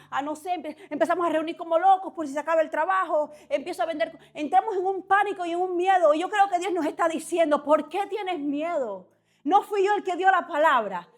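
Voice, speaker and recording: A woman delivers a sermon in a bright, high voice. She preaches with passion, swinging from quiet, measured pauses to loud, urgent exhortations.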